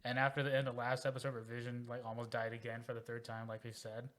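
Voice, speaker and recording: A man co-hosting a casual gaming podcast, griping about a show in a dry, deadpan way. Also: mid-range voice, fast. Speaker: podcast co-host. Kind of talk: casual chat.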